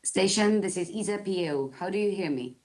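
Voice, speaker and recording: A woman speaking as a press officer and space mission communicator, making brisk procedural voice checks and handovers. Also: mid-range voice, lively intonation, a little mellow, poor audio. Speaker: agency press officer on the link.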